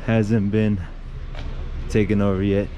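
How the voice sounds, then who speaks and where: Filming himself outdoors on a handheld action camera at arm's length, this thirty-something male vlogger chats casually through a city walking tour and is easily impressed. He speaks slowly at a fairly low pitch with little movement in it. Passing cars and street noise can be heard.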